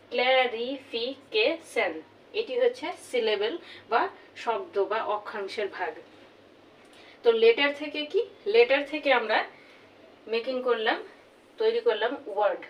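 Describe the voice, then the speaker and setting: A woman teaching a grammar lesson, slowly repeating each example word. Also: a little high. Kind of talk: classroom lesson. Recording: voice from far off the mic.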